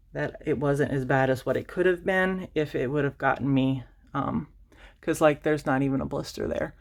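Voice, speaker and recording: A woman with a low voice talks through a craft project in a loose, rambling way. She restarts her sentences often, pokes fun at herself, and sounds a little out of breath. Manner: rambling, self-deprecating, many fillers and restarts. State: slightly out of breath. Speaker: crafting channel host. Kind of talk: casual craft tutorial.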